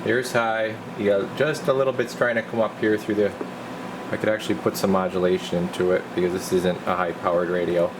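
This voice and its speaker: Talking fairly quickly in a lowish voice, a man shows off his radio repair bench work, casually narrating each step to himself as he goes. A loud, steady hiss runs through the noisy workshop recording.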